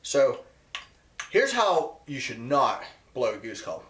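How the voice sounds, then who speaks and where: A man presents an instructional video on goose calling, speaking emphatically and repeating key points for stress. His medium-pitched voice is sing-song and slow. The sound is echoey and roomy, with heavy background noise.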